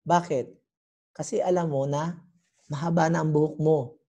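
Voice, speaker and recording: A woman's voice: deep voice, normal speed. Woman preaching with playful questions. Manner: animated, teasing, keeps quizzing the congregation. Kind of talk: sermon teaching.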